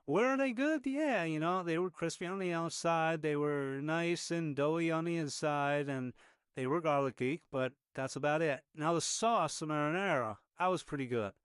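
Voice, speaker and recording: A man's voice: a little high, moderate pace, smooth, no echo, clean studio sound. A man telling how a meal went in casual, conversational voice-over, chatting with plenty of fillers. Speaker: food reviewer. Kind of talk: casual voice-over narration over footage.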